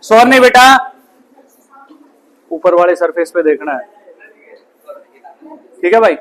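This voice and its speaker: Male classroom science teacher with a very high voice, who quizzes the class and answers his own questions. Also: animated, slow, a bit bright, rough recording. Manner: asks the class questions and answers them himself; often ends lines with "bhai". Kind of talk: classroom physics lesson. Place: school classroom.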